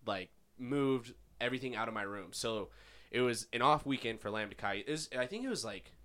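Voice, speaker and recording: A man in his twenties co-hosting a casual chat at home, animated and profane, full of "like" fillers, into a big microphone. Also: medium pitch, fairly quick. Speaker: podcast co-host. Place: home bedroom. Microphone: large studio-style microphone.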